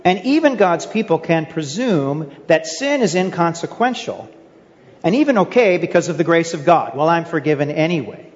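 A man's voice: high-pitched, very animated, moderate pace, in a large hall, muffled recording. A male pastor preaching a sermon in an earnest way, asking his listeners rhetorical questions. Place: church sanctuary.

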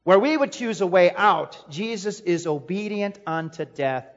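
A man preaches a sermon in an emphatic way, asking rhetorical questions and returning to a refrain. His voice is high for a man. The sound echoes with a long reverb through a dull, lo-fi recording. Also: expressive, measured pace. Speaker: pastor.

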